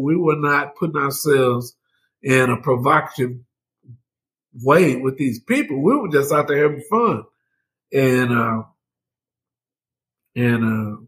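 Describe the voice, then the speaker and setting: An older man, in his seventies, recounting his own memories as a podcast guest. He talks in a loose, animated storytelling way. He laughs easily and keeps calling the listener "man.". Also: mid-range voice, low-quality recording. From Mississippi, United States. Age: 70s. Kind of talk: casual first-hand storytelling.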